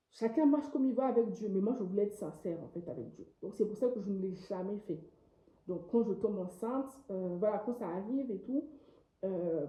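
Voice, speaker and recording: A young woman telling her personal church testimony in an earnest, halting way, with many fillers and restarts. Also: medium pitch, warm tone, reverberant, poor audio. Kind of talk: personal testimony, emotional storytelling.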